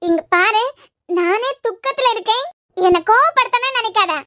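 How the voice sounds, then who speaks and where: A woman's voice: very high voice, moderate pace, pushed and bright, dry recording, clean studio sound. A woman voicing an earnest, scolding young woman in a cartoon series, with a Kanyakumari Tamil accent. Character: young woman, scolding yet tender roommate. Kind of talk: cartoon web series voice acting.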